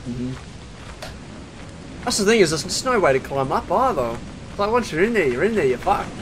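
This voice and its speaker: A man's voice: high-pitched, sing-song, normal speed, background noise. A man chatting casually with friends during a game, swearing and laughing often. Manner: laid-back, swears often, laughs a lot. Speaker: streamer playing with friends. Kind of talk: casual gaming chat.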